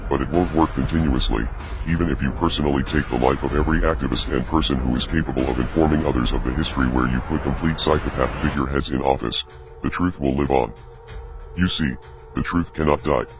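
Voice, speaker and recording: Disguised man's voice, pitched extremely deep through a voice changer, grave accusatory read statement, dull lo-fi sound, music playing clearly behind. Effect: voice changer lowering the pitch, disguised deep voice. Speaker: anonymous spokesperson. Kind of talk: scripted statement read aloud. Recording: muffled lo-fi audio with music behind.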